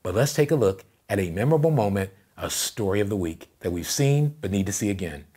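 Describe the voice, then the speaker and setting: Low-voiced pastor preaching with fervor. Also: male voice, a little fast, husky. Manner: animated storytelling, rising to loud emphatic passages. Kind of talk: sermon. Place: church livestream.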